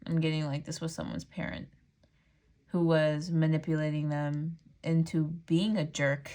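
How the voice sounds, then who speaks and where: A woman's voice: deep voice, flat delivery, moderate pace, mellow. A woman giving a casual tarot reading straight to her viewers, chatty and loose, full of "like" and "um". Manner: chatty, frequent "like" and "um", laughs easily. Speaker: tarot reader.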